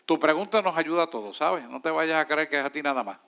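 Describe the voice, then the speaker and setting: A man's voice: fairly high pitch, quick pace, creaky, bright, forceful tone, clear, resonant tone. A man with a Puerto Rican accent teaching a church discipleship class in an emphatic, preacherly way and answering students' questions.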